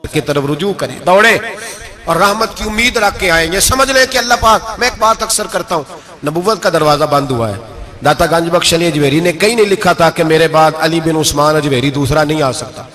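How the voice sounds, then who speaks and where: A man preaching a sermon, animated and firing rhetorical questions at his audience. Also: on the high side.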